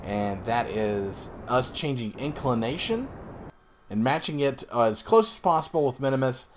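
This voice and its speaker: A man's voice: mid-range voice, animated, moderate pace, noisy background. A young man hosting a let's play, explaining the game casually and rambling with lots of fillers and restarts. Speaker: gaming channel host.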